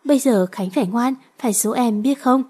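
A woman's voice: a little high, a little fast, darkish tone, breathy edge. A woman reading aloud and voicing a middle-aged father who soothes his young son. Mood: soothing.

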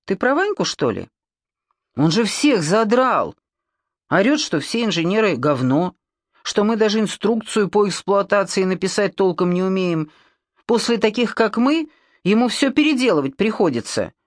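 A woman's voice: medium pitch, sing-song, normal speed, no echo, studio quality, voice pushed up, close to an everyday voice. A woman voicing a bold, sarcastic young woman in an audiobook. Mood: defiant mocking. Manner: defiant, sarcastic.

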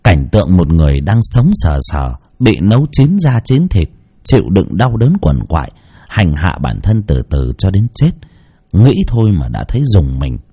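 A man narrates a spooky folk story with expressive delivery and mocking asides. His voice is husky and mellow, and it swings dramatically in pitch from line to line. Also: normal speed.

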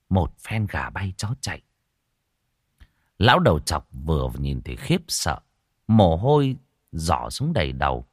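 A man narrating a spooky audio story in an expressive way, swinging between hushed and raised tones. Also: low voice, dry recording, studio quality.

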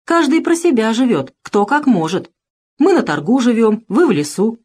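A woman's voice: on the high side, big pitch swings, normal speed, a little mellow, slightly rough, voice pushed up. A woman voicing a nitpicking, callous male shop clerk who grumbles while haggling. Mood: grumbling. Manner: grumbling, haughty.

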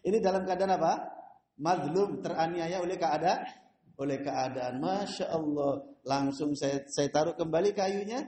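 A man giving a lively mosque study lecture, telling stories and mimicking voices with frequent laughter. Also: fairly high pitch, measured pace, roomy sound. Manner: animated storytelling, laughs often, mimics voices. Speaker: Islamic preacher.

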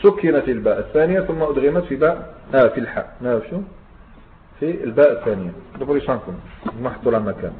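Algerian sheikh teaching in an echoey hall. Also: male voice, mid-range voice, animated, rapid-fire. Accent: Algerian Arabic. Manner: explains step by step, often asks students "understood?". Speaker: Islamic scholar teaching grammar. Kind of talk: classroom lesson on Arabic grammar. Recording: echoey room on a tinny, phone-like line.

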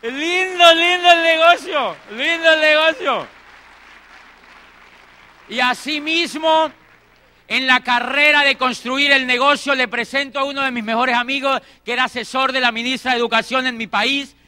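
A man's voice: very high-pitched, fairly even intonation, moderate pace, bright, forceful tone. A middle-aged man giving a motivational talk, acting out conversations and repeating phrases for emphasis. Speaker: motivational speaker. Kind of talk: motivational talk with acted anecdotes.

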